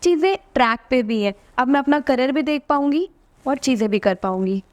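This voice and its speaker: A woman's voice: high voice, lively intonation, brisk. A young woman in her early twenties, a model and influencer, chatting confidently as a podcast guest and mixing English into her talk. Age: 20s. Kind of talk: casual interview chat.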